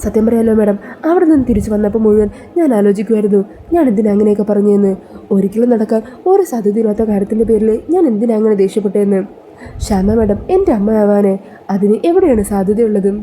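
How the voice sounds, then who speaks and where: A woman's voice: mid-range voice, fast talker, warm tone, slight background noise, lightly acted. A woman voicing an earnest, respectful young woman who speaks affectionately on the phone.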